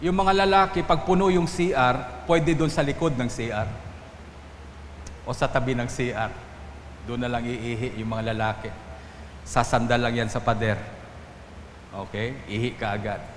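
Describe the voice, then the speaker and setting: A man's voice: mid-range voice, steady tone, moderate pace, long pauses, a little hiss or hum. A man from the Philippines, a priest giving a Sunday homily, telling stories and quoting people in shifting voices. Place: church. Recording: echoey church hall, faint ambience.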